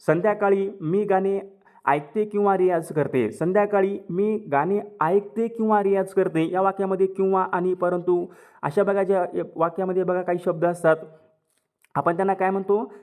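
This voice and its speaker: A man's voice: high voice, darkish tone. A man teaching, going through exam questions and answering each one himself. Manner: asks questions then answers them, repeats key words.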